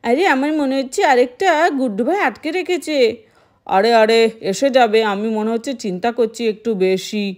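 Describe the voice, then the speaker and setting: A woman's voice: a little high, moderate pace, darkish tone, lightly acted. A woman voicing a chatty middle-aged male ice cream seller in a doll-play story, talking with lots of exclamations and scolding. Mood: cheerful.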